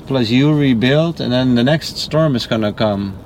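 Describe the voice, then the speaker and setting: A man chatting casually as an interviewer, gently prompting in a sympathetic way. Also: medium pitch, normal speed. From outside the United States. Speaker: driver and interviewer. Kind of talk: casual chat. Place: inside a car. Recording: faint car noise.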